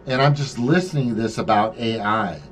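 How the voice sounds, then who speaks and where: A male host leads a loose group chat and talks in long, animated runs, swearing often and restarting his sentences. His voice sits at an ordinary pitch for a man. A faint hiss of background noise runs under the recording. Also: fairly quick. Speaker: podcast host.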